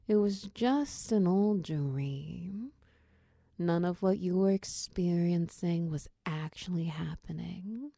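A woman with a lowish, soft, breathy voice plays a tender, protective partner in an ASMR role-play, soothing a lover shaken by a nightmare. She speaks slowly and reassuringly right into the listener's ear in an exaggerated, intimate close-up delivery. The very close microphone gives a dry recording.

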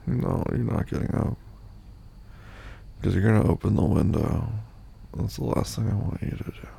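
A man in an intimate audio roleplay, sleepy and hungover, murmuring and whispering softly as if half asleep. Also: lowish voice, moderate pace, vocal fry, husky.

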